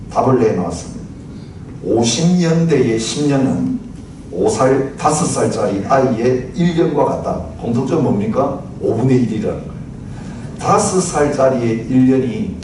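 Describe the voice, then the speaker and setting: A man in his sixties preaching a chatty sermon, often asking the congregation questions, recorded from a distance in a church hall. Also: mid-range voice. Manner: chatty, asks the congregation, recites lyrics with laughter. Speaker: pastor. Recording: very echoey hall, distant mic, noisy.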